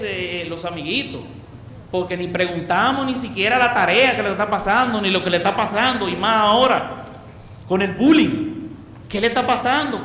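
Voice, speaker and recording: Man, high bright voice, emphatic lay preacher who repeats for stress, echoey hall with faint noise. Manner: asks the audience questions. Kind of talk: preaching talk to a congregation.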